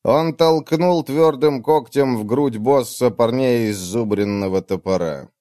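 A man narrating a fantasy story in a steady, even reading. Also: mid-range voice, unhurried, no echo, clean studio sound. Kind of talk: scripted audiobook narration.

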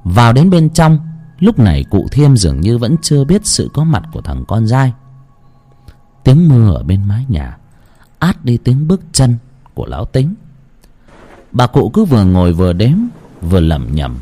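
A man's voice: mid-range voice, moderate pace. A man telling a ghost story with dramatic narration. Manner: dramatic, lively delivery.

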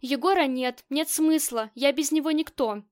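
A woman reading the lines of a grieving, hot-tempered female gang boss in an audiobook, moving between flat weariness and sharp commands. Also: high-pitched, normal speed, close to an everyday voice. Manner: shifts between flat weariness and angry shouting.

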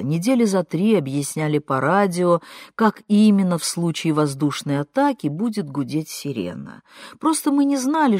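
Woman audiobook narrator, lively ironic reading, very dry close sound. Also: on the low side, no echo. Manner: expressive, ironic storytelling. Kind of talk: first-person literary narration.

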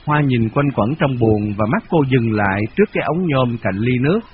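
Heard on a dull, lo-fi radio recording with slight background noise, a man narrates a novel at medium pitch. His storytelling delivery stays steady and measured.

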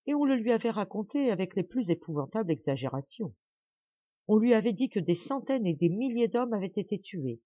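A woman's voice: on the low side, no echo, lo-fi sound. A woman narrating an audiobook of a classic novel with dramatic, varied intonation.

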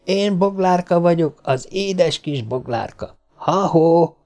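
A man's voice: on the high side, animated, darkish tone, voice pushed up. Man doing a giddy drunk robot. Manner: singsong, giddy, exclaiming. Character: giddy drunken male robot, playful and erratic.

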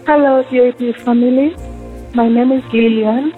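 A woman from Tanzania calls in, speaking in a polite, measured way to ask for prayer. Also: fairly high pitch, fairly even intonation, faint music behind. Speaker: caller. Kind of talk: phoned-in prayer request. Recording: tinny phone line.

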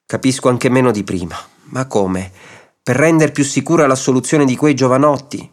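A man voicing a calm, patient judge who reasons gently, in a radio story reading. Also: mid-range voice, moderate pace, voice pushed up, close to an everyday voice. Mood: puzzled. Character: patient, wry male judge.

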